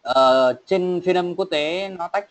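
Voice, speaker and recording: Man coaching English pronunciation, drawn-out words. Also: high voice, low-quality recording. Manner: repeats words slowly, coaching and checking. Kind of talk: online class drilling pronunciation.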